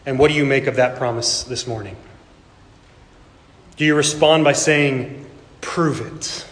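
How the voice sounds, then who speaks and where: A pastor preaching an emphatic sermon with dramatic pauses, in a church sanctuary. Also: male voice, medium pitch, steady tone, fairly bright tone. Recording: echoey hall with long reverb.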